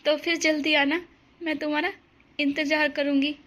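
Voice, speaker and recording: A woman voicing a gentle young daughter-in-law in a cartoon story, speaking softly and hesitantly. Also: high voice, level tone, normal speed. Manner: soft, pleading, hesitant.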